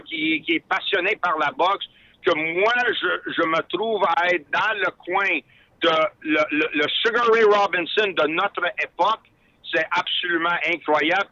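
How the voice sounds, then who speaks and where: A man with a Quebec French accent talks earnestly and with excitement, often stopping to restart his sentences. His voice is bright and a little high. It comes over a dull, muffled line. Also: dry recording. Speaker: boxing cutman and trainer. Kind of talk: interview by phone.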